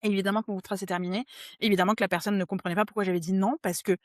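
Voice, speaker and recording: Woman host, mid pitch, dry and close to the mic. Chatty and slangy. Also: steady tone, very fast, no echo. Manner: chatty, uses youthful slang. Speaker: podcast host. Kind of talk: casual conversational interview.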